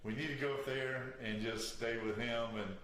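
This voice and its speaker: A man with a middle-pitched voice tells a rambling story in casual conversation as a show host. His easygoing, joking delivery rings out in a very echoey room over a faint hiss. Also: steady tone, moderate pace, a bit bright. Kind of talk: casual chat.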